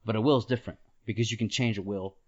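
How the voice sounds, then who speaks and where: A man's voice: fairly low pitch, fairly even intonation, very fast. A man hosting a podcast, explaining ideas in casual chat, talking it through with frequent "like" and "right?" and laughing easily. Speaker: podcast host. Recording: dull lo-fi podcast audio.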